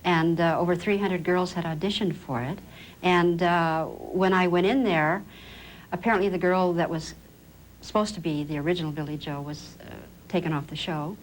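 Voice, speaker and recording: Lower-voiced actress recounting an audition. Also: female voice, steady tone, moderate pace, slight background noise, poor audio. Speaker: interviewee, actress. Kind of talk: casual interview.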